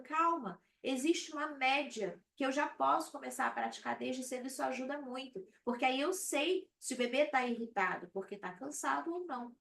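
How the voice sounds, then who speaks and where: A woman in her thirties, speaking as a baby sleep consultant on a live stream, with a fairly high voice. She talks conversationally and keeps checking in with her viewers. She sits a little back from the mic, with faint noise behind her. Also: fairly bright tone. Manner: conversational, frequent "tá?" check-ins. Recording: slightly distant mic with faint background noise.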